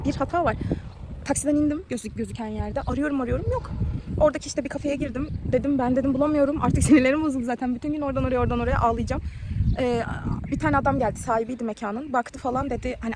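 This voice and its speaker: A woman vlogging about a trip, telling a mishap story in a lively way and acting out what people said. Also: high-pitched, background noise. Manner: animated, tells a mishap story with quoted dialogue. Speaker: travel vlogger. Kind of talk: casual travel vlog storytelling.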